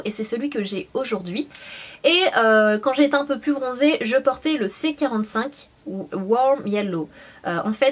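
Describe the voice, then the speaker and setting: A young woman reviewing makeup for her channel in a chatty, gushing way, with frequent fillers and restarts. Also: sits high. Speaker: beauty vlogger. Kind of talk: casual product review.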